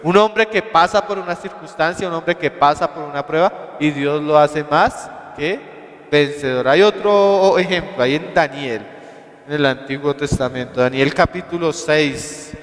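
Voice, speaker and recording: A man with a Colombian Spanish accent preaching a sermon, reading scripture slowly and then explaining it with emphasis and rhetorical questions to his listeners. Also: on the high side, fairly bright tone. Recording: long hall reverb.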